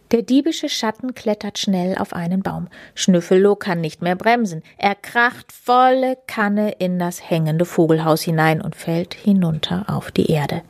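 Woman, narrator, whispered role-play, slow, breathy, children's story. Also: mid-range voice, darkish tone, no echo, studio quality.

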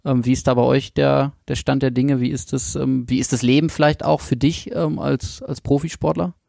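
A man's voice: mid-range voice, level tone, normal speed, vocal fry, warm tone, no echo, studio quality. A man hosting a podcast interview, asking long rambling questions with many fillers. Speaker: podcast host.

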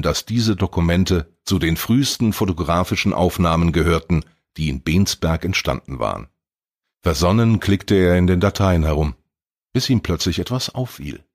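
A man with a very low, husky voice narrating an audiobook. His reading is steady and measured, told in scripted narration.

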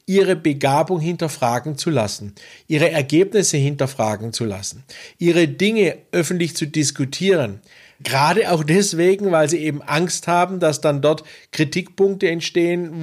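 Man, coach, interview answer, measured pace, slightly high pitch, thoughtful hesitations.

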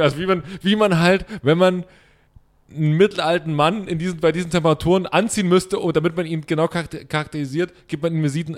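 A young German man telling a long, animated everyday story in casual chat, acting out his own inner voice and mocking himself. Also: fairly high pitch.

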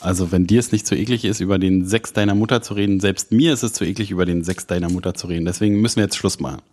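A man's voice: low-pitched, fairly even intonation, very fast, darkish tone. A man co-hosting a comedy podcast with dry, teasing remarks. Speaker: podcast co-host. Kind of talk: casual joking chat.

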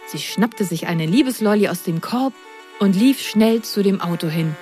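A woman reading a children's story aloud in a gentle, expressive way. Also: mid-range voice, normal speed. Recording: dry close voice, faint music.

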